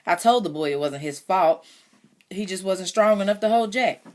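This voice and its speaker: A woman's voice: medium pitch, lively intonation, moderate pace, a little mellow, voice pushed up, lightly acted. A woman reading aloud voices a proud, injured farmer father who talks bluntly and firmly. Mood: bitter. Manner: blunt, firm.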